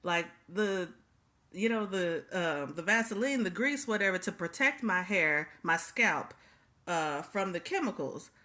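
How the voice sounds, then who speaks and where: A woman's voice: fairly low pitch, expressive, a little slow, sharp tone. Woman telling an emphatic storytime. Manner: emphatic, repeats key phrases for effect; talks straight to the audience. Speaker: storytime vlogger. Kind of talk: casual storytelling to viewers.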